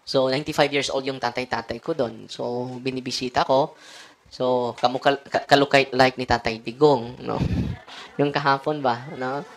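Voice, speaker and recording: A man's voice: medium pitch, fairly even intonation, moderate pace. A Filipino-accented priest gives an informal sermon to his followers. He slides between Tagalog and English mid-sentence and tags his statements with a questioning "no?". He lets out short chuckles between his points. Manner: ends phrases with tag question "no?".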